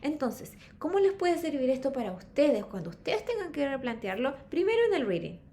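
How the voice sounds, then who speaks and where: Lively woman teaching English. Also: sits high, brisk, a little hiss or hum. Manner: lively, checks in with constant "¿ok?" and "¿ya?". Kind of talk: online class lecture.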